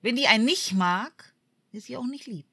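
A woman from Germany co-hosting a podcast in casual chat. She tells stories in a lively way, acts out what people said, and uses many fillers. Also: on the high side, moderate pace, slightly rough. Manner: lively storyteller who acts out quoted voices, many fillers. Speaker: podcast co-host.

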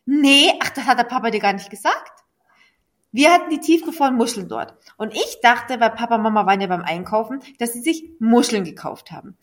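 A woman telling a family story in casual chat, talking in a quick, animated way. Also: a little high.

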